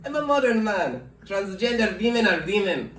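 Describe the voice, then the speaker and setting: A woman's voice: medium pitch, big pitch swings, moderate pace, reverberant, lightly acted. A woman putting on a blunt, flirtatious bearded Russian man in a fur hat, in a mock Russian accent. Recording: live comedy room, distant mic, loud audience.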